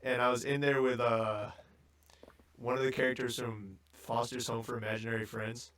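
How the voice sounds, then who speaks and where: A man's voice: mid-range voice, flat delivery, moderate pace, fairly bright tone, a little hiss or hum. A young man in his late teens on a podcast, talking in a loose, rambling way full of fillers. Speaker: podcast co-host. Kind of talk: casual chat.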